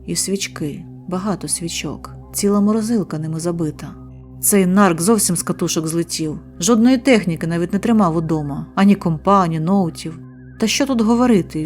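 A woman's voice: fairly low pitch, darkish tone. A woman reading a first-person horror story in short, tense sentences. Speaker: narrator. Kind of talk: scripted horror story narration.

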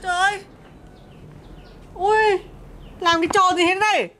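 A woman's voice: very high-pitched, steady tone, measured pace, background noise. An actress playing an exasperated wife scolding her drunk husband, nagging and exclaiming. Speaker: comic skit actor. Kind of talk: amateur comedy skit acting.

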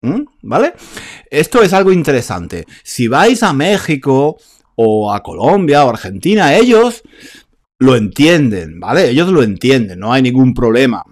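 Lively, chatty Spanish teacher man. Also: medium pitch, measured pace. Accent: Spain Spanish. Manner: chatty, lively, repeats phrases, reads out viewer comments. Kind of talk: live online class.

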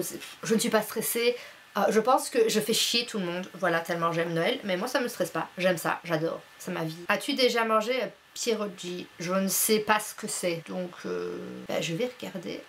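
A woman's voice: medium pitch, slight background noise. Chatty young woman, casual vlog. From Belgium. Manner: chatty, blunt and playful, filler-heavy. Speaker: YouTuber. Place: her bedroom.

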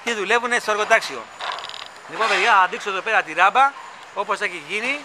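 A man casually narrating a vlog outdoors on a construction site, chatty and enthusiastic, filmed on a handheld camera mic. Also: high voice. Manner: chatty, rambling, enthusiastic fan talk. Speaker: vlogger filming a stadium construction site. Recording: loud construction site noise.

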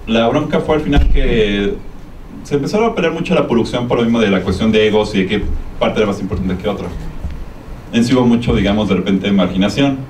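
A young Mexican man gives an informal talk in a low voice, hesitant and colloquial as he meanders along. The sound is echoey and a little distant. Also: animated, a little fast, long pauses, darkish tone. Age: young adult. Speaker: guest speaker, media production worker. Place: university lecture room. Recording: echoey room, distant sound, background noise.

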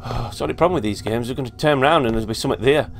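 A man's voice: mid-range voice, very fast, gravelly. A man commentating a horror game playthrough, jumpy, sweary and joking to himself. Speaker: gaming video host.

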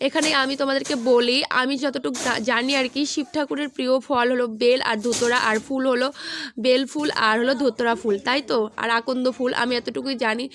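A woman vlogger with a hoarse, feverish voice, narrating a voice-over while lying down and talking chattily to her viewers. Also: sits high, fairly even intonation, brisk, fairly bright tone, a little hiss or hum. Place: indoors at home, lying in bed.

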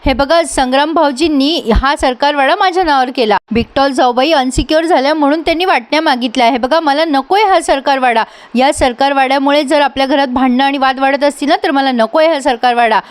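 A woman's voice: sits high, brisk, hardly any pauses, close to an everyday voice. A woman voicing an earnest, stubborn young daughter-in-law in a serial recap, speaking in a pleading way.

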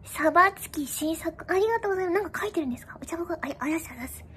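Playful high-voiced woman streamer. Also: very fast, pushed and bright, a little hiss or hum. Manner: playful, giggly, mixes in English. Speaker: live streamer. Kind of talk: casual chat with viewers.

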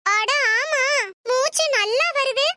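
A woman plays a sly young cartoon wife with a very high, piercing voice and a bright, sharp edge. She wails and whines in an over-the-top, dramatic way. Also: takes it slowly, a little hiss or hum, full character voice. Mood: whiny. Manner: whiny, dramatic wailing. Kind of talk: comic cartoon dub.

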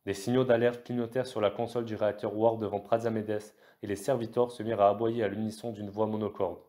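Male audiobook narrator with a low, mellow voice; steady, measured novel reading.

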